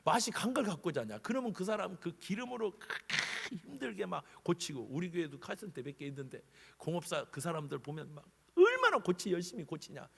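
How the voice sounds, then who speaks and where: A middle-aged man with a husky voice preaching a revival sermon in a church sanctuary, lively and animated, acting out the voices he quotes. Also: fairly high pitch. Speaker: guest preacher. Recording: long church hall reverb.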